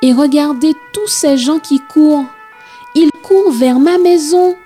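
A woman voicing a young mother in a storybook, crying out in high, loud alarm. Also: moderate pace, faint music behind, natural voice. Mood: frantic. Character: young mother, frantic to save her baby.

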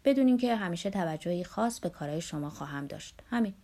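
A woman voicing a patronizing middle-aged male publisher in an audiobook, measured and falsely polite. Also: lowish voice, lively intonation, mellow. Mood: condescending.

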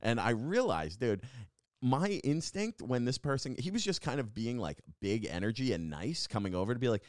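A man's voice: medium pitch, big pitch swings, normal speed, no echo, studio quality. A young adult man hosting a podcast, telling rambling casual stories with lots of fillers and restarts. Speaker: podcast host. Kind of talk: casual storytelling monologue.

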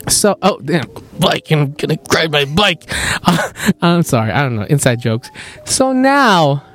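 Animated young man telling stories. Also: fairly high pitch, measured pace. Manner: animated, laughs often, mimics voices while telling stories. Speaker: podcast host. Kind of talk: casual storytelling chat.

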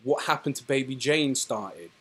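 A man's voice: mid-range voice, lively intonation, normal speed, a bit bright, slightly rough. A male podcast host with a mid-range voice. He presents films in a narrated style, as if introducing an episode.

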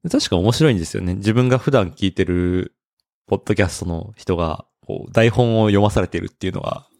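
A man with a low voice chats casually as a podcast co-host. He explains things eagerly and laughs easily. The sound is dry and close, with no room around it. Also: a little fast, a little mellow, no room sound. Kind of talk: casual chat.

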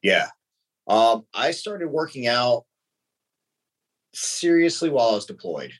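A man's voice: mid-range voice, very animated, slow, a bit bright, low-quality recording. A man in his thirties from the United States, a podcast guest talking casually and laughing lightly between answers. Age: 30s. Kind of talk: casual conversation.

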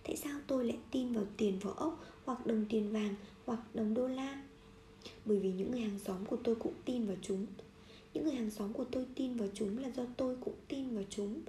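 A woman reading a nonfiction book aloud in a steady, measured way, now and then correcting a slip. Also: on the high side, roomy sound, slight background noise. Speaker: audiobook reader.

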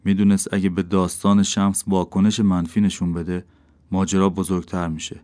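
Low-voiced male audiobook narrator. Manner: steady, earnest storytelling. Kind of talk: scripted narration.

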